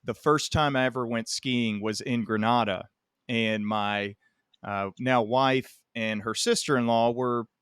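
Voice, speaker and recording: A man's voice: medium pitch, steady tone, unhurried, fairly bright tone, clear, resonant tone, dry recording, studio quality. A man hosting an interview podcast, chatting casually and laughing easily. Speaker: podcast host.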